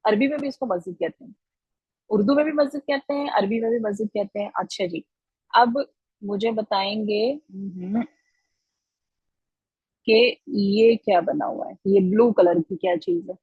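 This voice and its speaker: Patient teacher with a husky voice. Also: female voice, mid-range voice, moderate pace, pauses often, dry recording, highs cut off. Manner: patient, encouraging, repeats answers. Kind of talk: online class teaching.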